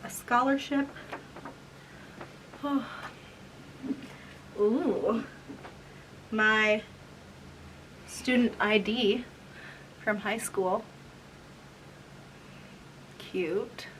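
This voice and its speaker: A woman in her twenties with a high voice talks in a casual vlog style. She sounds embarrassed and self-mocking as she reads aloud from her old writing. The mic is a little distant, with some faint noise around her. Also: fairly even intonation, very slow, long pauses, a bit bright. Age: 20s. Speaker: vlogger. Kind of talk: casual vlog chat, reading old diaries.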